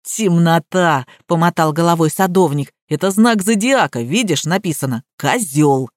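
A woman reader voicing a clumsy, simple-minded male gardener who blurts things out, in a lowered voice. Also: expressive, normal speed, no room sound, clean studio sound, natural voice. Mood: scoffing. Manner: mumbling, blurting.

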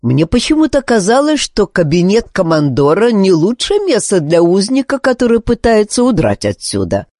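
A woman reading the part of a calm, thoughtful male wizard king speaking to his son. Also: mid-range voice, normal speed, hardly any pauses, no echo, studio quality, voice pushed up.

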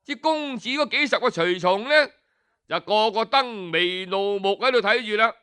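Speaking with a Cantonese accent, this man spins an animated, folksy, dramatic tale in the traditional style, peppered with interjections. His voice is high and smooth, delivered at a normal speed.

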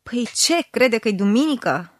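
Woman doing a scornful old mother, loud and scolding. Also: on the high side, animated, no echo, studio quality, voice pushed up. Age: older. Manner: loud, scolding, hissing through teeth. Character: scornful bossy old mother, pious and sharp-tongued.

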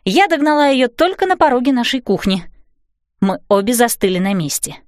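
Woman narrating a children's story brightly. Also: a little high, brisk, dry recording, studio quality. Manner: lively, animated. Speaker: audiobook narrator.

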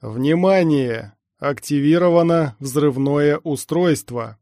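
A man voicing an automated mine alarm that makes slow, drawn-out announcements. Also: a little high, warm tone, dry recording, clean studio sound. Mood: announcing.

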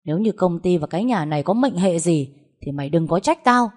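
A woman's voice: fairly low pitch, lively intonation, fairly quick. A woman playing a furious domineering old father. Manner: shouting, scolding.

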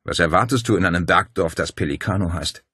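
A man's voice: sits low, quick pace, bright, forceful tone, breathy edge, no echo, clean studio sound, heavily acted. A man voicing a cheerful young man who speaks playfully and jokes a lot. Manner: grinning, playful, joking.

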